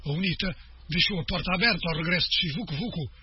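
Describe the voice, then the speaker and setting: A man presenting the radio news in a steady, formal read. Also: high voice, quick pace, breathy edge, dry recording. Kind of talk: scripted radio news reading. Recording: muffled radio broadcast with faint noise.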